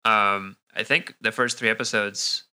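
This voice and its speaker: A man's voice: lowish voice, steady tone, unhurried, bright, forceful tone, smooth. Matter-of-fact male podcast co-host. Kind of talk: casual podcast chat.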